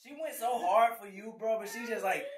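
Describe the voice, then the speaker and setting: A man's voice: high-pitched, fairly even intonation, a little fast, reverberant, far from the mic, a little hiss or hum. A young man in a casual prank video, bantering in slang, swearing and laughing in a bedroom. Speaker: prank vlogger. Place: bedroom at home.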